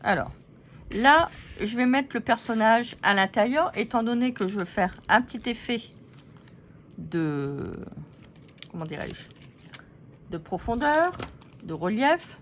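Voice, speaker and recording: A woman's voice: on the high side, animated, slow, pauses often, a little hiss or hum. A woman hosting a casual scrapbooking tutorial, chatty and giggly, poking fun at herself as she works. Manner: chatty, giggly, self-mocking.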